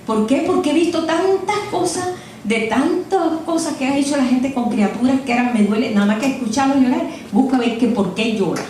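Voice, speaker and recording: Older woman preacher, slightly high voice, conversational sermon full of little asides, miked from a distance in a very echoey hall. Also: fairly quick, darkish tone, slight background noise. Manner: chatty storytelling, frequent "¿eh?" asides. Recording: echoey room picked up from a distance.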